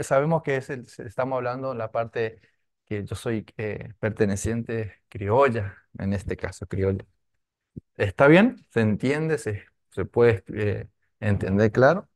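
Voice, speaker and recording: A man teaching a language class, going slowly and checking often that his students follow. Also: medium pitch. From Argentina. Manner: slow, repetitive, with frequent tag questions.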